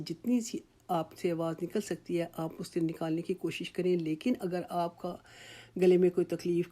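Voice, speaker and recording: A woman teaching Quran recitation rules in a slow, patient lesson, drawing out words as she models them and reassuring her students. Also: on the low side, dark tone. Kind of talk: slow instructional tajweed lesson.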